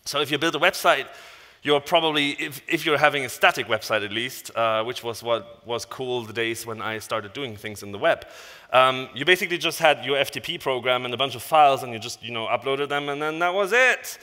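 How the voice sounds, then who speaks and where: Speaking into a headset with large-hall echo around him, a German man in his thirties, German being his native language, delivers a loose, jokey tech talk from a big conference stage. His accent shows, his voice is mid-range and a bit fast, and he's lively, tossing in casual swearing.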